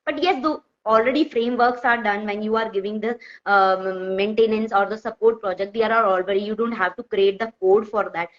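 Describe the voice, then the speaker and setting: A woman with a North Indian accent explaining informally with examples, in halting, repetitive phrases that she often corrects as she goes. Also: medium pitch, steady tone. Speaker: software testing expert, guest speaker. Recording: dull, lo-fi audio.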